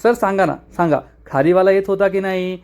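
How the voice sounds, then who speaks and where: A man voicing a chatty, cheeky young wife who teases and argues in rapid, mock-indignant bursts. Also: medium pitch, a little mellow, close to an everyday voice. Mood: chattering, teasing.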